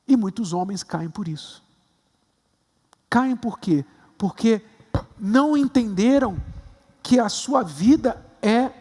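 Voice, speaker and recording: A man with a Brazilian Portuguese accent, a bishop preaching a sermon with emphatic rises to stressed high points. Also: a little mellow, big-room sound. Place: large temple hall.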